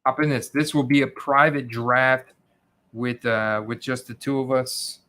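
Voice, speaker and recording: A man's voice: medium pitch, flat delivery, a little slow, pushed and bright. A man hosting a livestream, chatting casually and informally with his viewers. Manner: informal, addresses viewers as guys. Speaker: livestream host.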